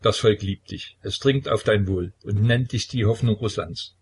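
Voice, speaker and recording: A man voicing a pious older aunt of the royal family who urges and consoles with earnest firmness, in a husky voice. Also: on the low side, moderate pace. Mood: consoling.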